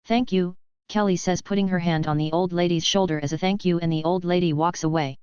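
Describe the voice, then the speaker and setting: Woman reading an audiobook, smooth and low. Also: steady tone, fast talker, darkish tone, no echo, lo-fi sound. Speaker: narrator. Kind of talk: adult fiction audiobook reading.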